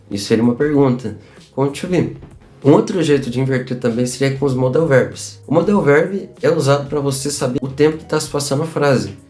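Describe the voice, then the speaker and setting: A Brazilian man giving a casual online English lesson, upbeat and chatty, slowly repeating examples. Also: fairly high pitch, a little mellow. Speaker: English teacher.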